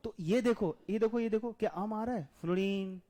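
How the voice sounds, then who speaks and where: A man's voice: high-pitched, dark tone. A man teaching a class chemistry lesson, patiently repeating questions to the class and drawing out lists of names. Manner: drawn-out enumerating of names.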